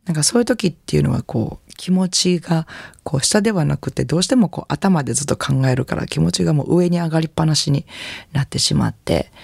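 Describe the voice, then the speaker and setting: A woman radio host and jazz singer with a Kansai accent, chatting in a relaxed, gently encouraging way between songs. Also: low voice, gravelly, slightly rough, no room sound, studio quality. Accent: Kansai Japanese.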